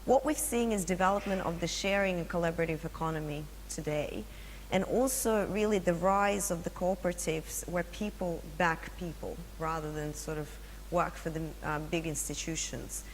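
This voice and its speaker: At normal speed and with a voice on the low side, a woman with a Russian accent gives a business talk to a conference crowd. She often fills and restarts, quizzes the audience, and the recording has long hall reverb plus a faint hum.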